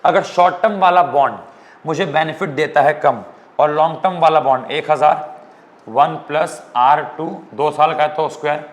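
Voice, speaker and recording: A man's voice: fairly high pitch, normal speed. A young man from India teaching an economics lecture in an informal classroom style, often checking whether students follow.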